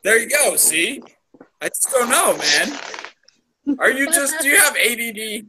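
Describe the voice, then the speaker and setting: High-pitched, animated man, teasing. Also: unhurried, a little hiss or hum, rough recording. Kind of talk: casual chat.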